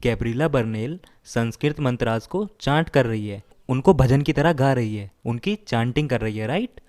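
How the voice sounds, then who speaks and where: A man's voice: mid-range voice, expressive, a little mellow. Guy teaching vocab, goes over each meaning again and again, keeps asking right?. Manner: explains slowly, repeats meanings, asks "right?". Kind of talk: bilingual vocabulary lesson.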